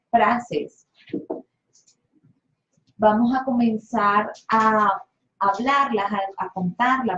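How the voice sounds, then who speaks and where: Colombian woman teaching, roomy sound. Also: fairly high pitch. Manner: explanatory, poses rhetorical questions and answers them. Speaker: spiritual study group leader. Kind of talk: teaching a study group. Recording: roomy, slightly dull recording.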